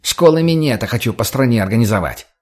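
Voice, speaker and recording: A man's voice: medium pitch, animated, fast, close to an everyday voice. A man voicing a crude, short-tempered drug addict thug who barks profanity bluntly. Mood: aggressive.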